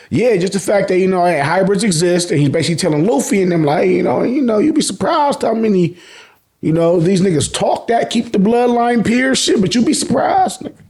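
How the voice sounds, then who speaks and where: Speaking at a normal speed in a high-pitched voice with vocal fry, this American anime and manga review host runs through a joking, casual recap. He's animated, slangy, and profane, acting out the dialogue as he goes.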